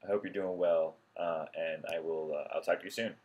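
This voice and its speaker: A man with a deep, low voice talks through his feedback on a friend's ideas in a loose, unscripted way. He rambles and hesitates, fills gaps with "um" and "like," and now and then acts out a quick bit of dialogue before carrying on. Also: fairly even intonation, a little mellow, highs cut off, a little hiss or hum. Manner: rambling, hesitant, many fillers, acts out short bits. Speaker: peer reviewer giving feedback. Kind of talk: casual spoken feedback message.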